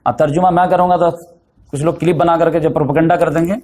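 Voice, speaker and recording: A man's voice: on the high side, fairly even intonation, a little mellow. A man giving a religious lecture in storytelling form, sprinkling in English words and growing emphatic when he voices the people in his story. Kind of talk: Urdu religious lecture on the Prophet's life.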